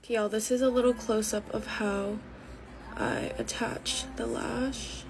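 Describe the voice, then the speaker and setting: Teen girl, casual beauty vlog chat, loose and filler-heavy, steady noise under the voice. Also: on the high side, measured pace, gravelly. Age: late teens. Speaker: beauty vlogger. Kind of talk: get-ready-with-me vlog chat.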